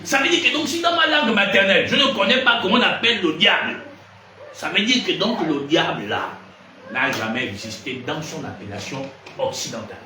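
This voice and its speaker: Sitting high and moving fairly quickly, the Gabonese preacher's voice carries a lively, questioning sermon that keeps probing the congregation. It was recorded from far away in an echoey room with plenty of noise.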